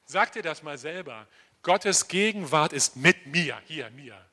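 Older male preacher, high and bright, punchy sermon delivery with direct questions to the congregation. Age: around 60. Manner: animated, addresses listeners directly with frequent "verstehst du?"; swings between loud emphatic lines and quiet asides, slows down for key phrases. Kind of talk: lively sermon. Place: church congregation.

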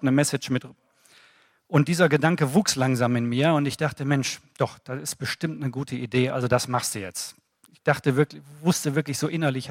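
A man's voice: mid-range voice, no echo, clean studio sound. A middle-aged man giving a personal faith testimony, telling his story casually and voicing his own thoughts as quotes.

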